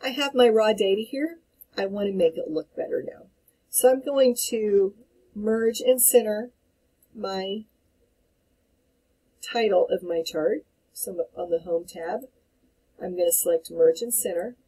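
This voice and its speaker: Woman instructor, mellow and slightly husky, calm step-by-step tutorial delivery at a desk mic. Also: mid-range voice, measured pace, pauses often, poor audio. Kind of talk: screen-recorded software tutorial.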